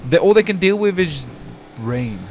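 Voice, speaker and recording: A man's voice: high voice, very animated, normal speed, darkish tone, slight background noise. A young man from the UK chatting casually while roleplaying in a driving game, rambling and saying "dude" a lot. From United Kingdom. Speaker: roleplay streamer.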